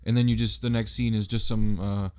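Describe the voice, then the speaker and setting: Smooth-voiced joking male podcaster. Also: lowish voice, little pitch movement, brisk, darkish tone. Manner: teasing, joking banter. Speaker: podcast co-host. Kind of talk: casual horror film review chat.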